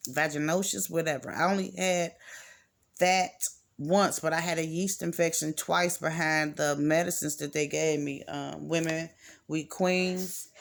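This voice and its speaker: A woman's voice: deep voice, vocal fry. A woman giving a casual, rambling reading to her viewers, blunt and cursing freely. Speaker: card reader.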